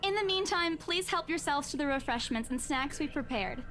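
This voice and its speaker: A woman doing a high, flustered young tour guide. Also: expressive, moderate pace, over music. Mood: polite. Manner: polite, flustered, stammering.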